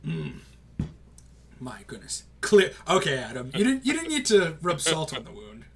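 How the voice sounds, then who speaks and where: A man giving casual live commentary on a tournament game, reacting aloud with groans and excited exclamations. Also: on the high side, moderate pace.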